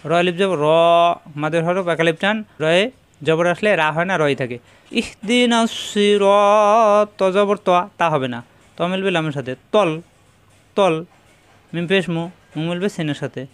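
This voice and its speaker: A man leads a methodical pronunciation lesson and drills each sound again and again. His voice sits high and comes across smooth and resonant. Now and then he slips into a slow, chanted recitation. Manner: methodical, repeats each syllable slowly. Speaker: Quran recitation teacher.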